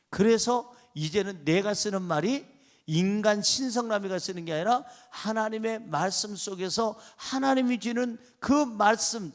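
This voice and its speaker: Pastor, male, high-pitched, lively delivery that drops to hushed asides; poses questions to the congregation. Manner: animated, swings between loud emphasis and soft asides; asks the congregation rhetorical questions. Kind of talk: sermon.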